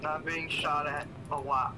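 A fairly high-voiced man in casual tactical banter with his squad, swearing freely. The game voice chat is very noisy, with loud engine and vehicle sound behind him. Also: level tone, unhurried. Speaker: player in a military game squad. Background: loud vehicle and game ambience.

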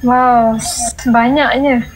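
Higher-pitched Malaysian woman, gaming chat. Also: fairly even intonation, takes it slowly, rough recording. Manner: colloquial Malaysian English mixed with Malay, short replies. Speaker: co-player. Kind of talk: casual gameplay chat. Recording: clear game noise behind. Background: video game ambience and sound effects.

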